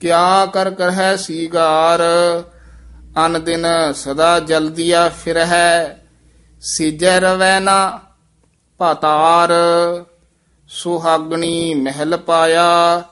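This is a man leading a recitation lesson. He chants the verses at a slow, drawn-out pace in a fairly high voice. Between verses he drops into quick spoken corrections of pronunciation. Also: fairly bright tone, clear, resonant tone. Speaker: Gurbani recitation teacher.

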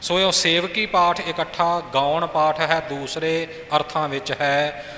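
A man's voice: a little high, level tone, a little slow, bright, forceful tone, slight background noise. A man teaching how to pronounce scripture, patiently explaining and half-chanting examples. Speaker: recitation teacher. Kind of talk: pronunciation instruction. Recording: reverberant echoey hall.

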